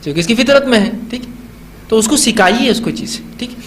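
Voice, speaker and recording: This is a man preaching on parenting, with a voice that sits high. He talks in a conversational way, keeps asking the listeners rhetorical questions, and slips into the voices parents use with their children. A faint hiss of noise runs under his speech. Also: expressive, fairly quick. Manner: acts out parents' voices when talking to children. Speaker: Islamic preacher. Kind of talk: religious talk on parenting.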